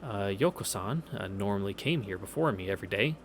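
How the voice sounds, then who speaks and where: Brisk and animated, a man with a voice on the low side reads a visual novel aloud in a casual way. There's slight background noise along with the game music, and he adds wry comments, reactions, and anecdotes.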